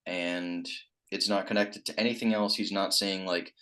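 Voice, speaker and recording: Low-voiced rambling young man. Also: fairly even intonation, moderate pace, sharp tone. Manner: rambling, crude, trails off and restarts. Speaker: podcast co-host. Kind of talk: casual podcast banter.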